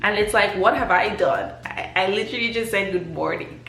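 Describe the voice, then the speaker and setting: A woman from Africa who works as a nurse, telling stories from her job in a casual, expressive way. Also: mid-range voice, a little fast. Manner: conversational, expressive, frequent "like" fillers. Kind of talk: casual storytelling vlog. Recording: roomy sound with faint music behind.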